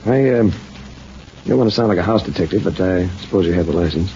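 A hard-boiled private eye in an old radio drama, played by a male actor, stern and skeptical as an inspector. His voice is low and mellow, dryly wry, on a dull, noisy vintage recording. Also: fast, natural voice. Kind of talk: old-time radio detective drama with first-person narration.

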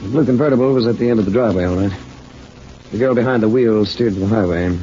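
An actor playing a stern, dry, skeptical private investigator who questions and narrates in an old-time radio detective drama. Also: male voice, on the low side, fast, warm tone, soft background music, natural voice. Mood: brooding, wry. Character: hard-boiled, wry, skeptical male private investigator narrating his case. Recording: dull, noisy old radio recording.

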